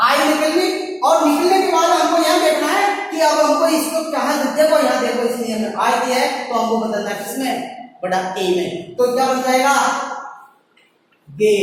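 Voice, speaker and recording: A woman teaching a grammar lesson, asking herself questions, repeating words and reassuring the class that it is easy. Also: high voice. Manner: reassuring, keeps saying it is easy. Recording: very echoey hall, far from mic, faint noise.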